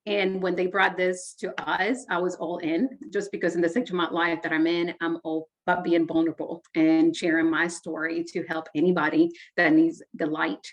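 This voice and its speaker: Fairly low in pitch and level in tone, this woman speaks at a moderate pace with few pauses, captured on a low-quality recording. A Honduran in her forties whose first language is Spanish, she's an interview guest in a casual conversation, earnest and reflective, with many fillers and restarts.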